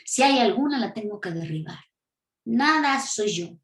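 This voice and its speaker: A woman's voice: a little high, expressive, a little slow. Argentine woman preaching in an echoey hall. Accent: Argentine Spanish. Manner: emphatic, with rhetorical questions. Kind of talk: sermon teaching. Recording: echoey room.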